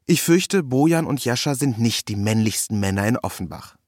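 A narrator reads a scripted first-person story with a wry, ironic delivery, acting out the quotes. His medium-pitched voice is expressive and a little mellow at a moderate pace, and the recording is dry with clean studio sound.

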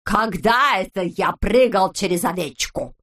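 A woman voicing a clever, stern little male leader in a children's storybook, measured and threatening. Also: medium pitch, expressive, fairly bright tone.

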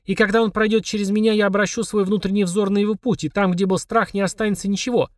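A man voicing an eager young girl in a storybook reading, pushing his voice high. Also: flat delivery, quick pace, no room sound, clean studio sound, close to an everyday voice. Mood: solemn chant.

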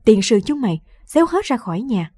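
Woman reader putting on a loud, fiery old grandma in a radio story, pitched up, warm and dry. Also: normal speed, no room sound, natural voice. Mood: furious. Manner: shrill, yelling scold. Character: quick-tempered old woman, loud scolding mother-in-law.

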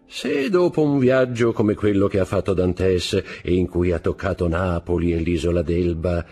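A man's voice: low voice, animated, normal speed, warm tone, breathy edge, soft background music, exaggerated voice. A man doing a sly scheming accountant. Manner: insinuating, feigned innocence. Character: scheming, sly male accountant plotting betrayal.

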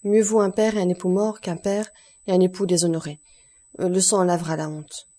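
A woman reading the part of a calm, kindly older count, speaking in a measured, gentle way. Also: lowish voice, natural voice. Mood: concerned.

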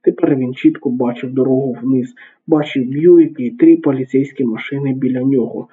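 Husky man reading a novel aloud. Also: medium pitch, steady tone, normal speed. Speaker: audiobook narrator. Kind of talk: audiobook reading. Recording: narrow phone-like sound.

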